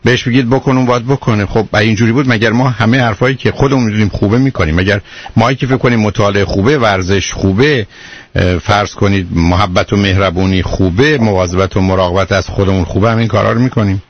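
Middle-aged man, radio advice host, patient and explaining, a husky tone, dull dry broadcast audio. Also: fairly low pitch, no echo. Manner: calm, patient, explaining at length. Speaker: parenting advice expert on a call-in show.

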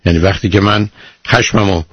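A man's voice: lowish voice, fairly even intonation, slightly rough, no echo. A man hosting a call-in advice show, counseling a caller in a blunt, lecturing way and calling her "dear", heard as a muffled radio broadcast.

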